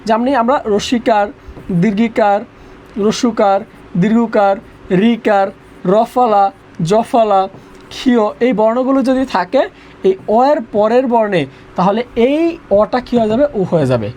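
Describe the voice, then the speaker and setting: A man's voice: sits high, a little slow, a little mellow, a little hiss or hum. A young man teaching an online revision class, repeating rules and quizzing his students.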